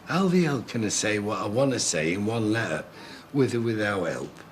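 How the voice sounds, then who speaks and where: Guy doing a low gruff dad, blunt, voice swings up and down a lot, tv soap. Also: lively intonation, moderate pace, slight background noise, close to an everyday voice. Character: gruff middle-aged father, blunt and self-mocking. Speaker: father. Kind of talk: TV soap drama.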